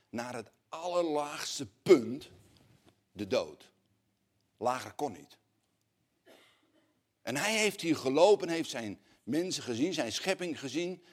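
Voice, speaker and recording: A male preacher delivering a sermon in an ordinary mid-pitched voice. He drops to hushed, slow, earnest passages, then climbs into loud, rising appeals. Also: breathy edge.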